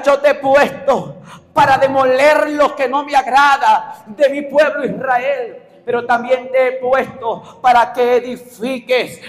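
A young pastor with a strikingly high voice preaches an impassioned sermon. He shifts from hushed, confiding asides to shouted calls to the congregation. His voice rings out through a church hall with a long reverb. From Mexico. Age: young adult. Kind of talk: evangelical sermon.

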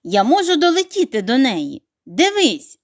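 A woman voicing a loving, anxious mother duck who cries out in a high voice. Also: wildly swooping pitch, unhurried, full character voice. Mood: proud.

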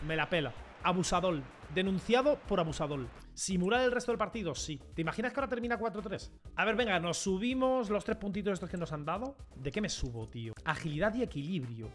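A gaming streamer with a high-sitting voice gives excitable gameplay commentary from his bedroom at home. He breaks into loud outbursts, swears, and keeps repeating catchphrases.

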